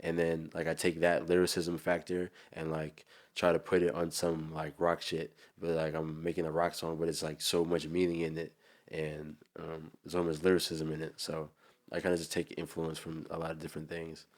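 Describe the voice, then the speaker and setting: Low, even-voiced New Jersey man. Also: normal speed. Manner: slangy, rambling. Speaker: musician being interviewed. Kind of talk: casual interview chat.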